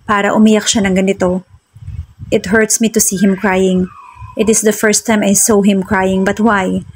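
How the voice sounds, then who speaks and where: Husky woman narrating a heartfelt romance. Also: mid-range voice, a little mellow, rough recording. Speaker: storyteller of a serialized romance. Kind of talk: emotional story narration.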